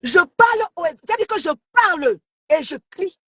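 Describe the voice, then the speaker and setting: Shouting confrontational woman, very high voice. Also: lively intonation, fairly quick, no echo, clean studio sound. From Cameroon. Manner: repeats words and stammers. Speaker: social media commentator. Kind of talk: heated live rant.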